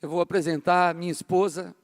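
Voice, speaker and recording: In a spacious church hall with long reverb, a fiftysomething Brazilian pastor preaches with fervor and a casual style, often dropping "cara." His voice sits high, with a level tone and a slightly fast pace.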